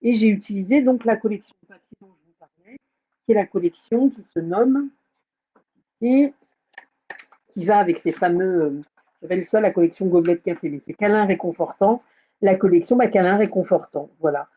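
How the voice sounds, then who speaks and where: A woman's voice: medium pitch, normal speed, long pauses, breathy edge. A woman hosting a casual live craft tutorial, chatting with many fillers and hesitations. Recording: slightly dull lo-fi sound.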